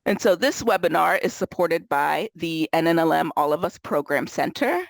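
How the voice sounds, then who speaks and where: A woman's voice: on the low side, expressive, normal speed, creaky, no echo. A woman moderating a webinar, sounding nasal from a cold, talking casually with lots of fillers over a video call. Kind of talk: webinar housekeeping intro.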